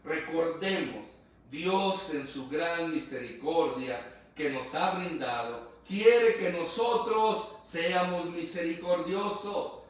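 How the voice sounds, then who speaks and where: A man's voice: on the high side, slow pace. A man preaching a sermon earnestly, often repeating phrases and speaking straight to his listeners. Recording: very echoey room, voice far from mic.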